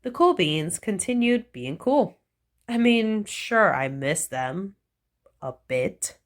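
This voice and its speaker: Reading a children's picture book aloud, a woman speaks in an animated, medium-pitched voice that swoops up and down. She takes her time in a storytelling way, playfully emphasizing punchlines while keeping the pace gentle and deliberate throughout.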